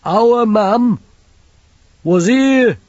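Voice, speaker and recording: Man putting on a big simple lad, high strained voice, slow and sad, lo-fi. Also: darkish tone, dry recording, exaggerated voice. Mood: plaintive. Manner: slow, plaintive, childlike. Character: big simple-minded grieving young man, childlike. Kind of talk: audiobook character voice. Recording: dull lo-fi recording.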